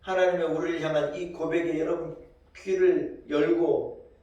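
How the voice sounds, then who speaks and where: A male pastor preaching a sermon with emphatic, rising delivery that swells into loud exclamations, recorded in a church. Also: fairly high pitch, steady tone, moderate pace, distant mic, dull audio. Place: church sanctuary. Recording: very echoey hall, voice from afar.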